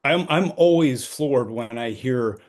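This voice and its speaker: A middle-aged man co-hosting a casual podcast, calmly moving through the topics. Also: mid-range voice, slow. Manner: relaxed, runs the topic list. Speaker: podcast co-host. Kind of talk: casual chat.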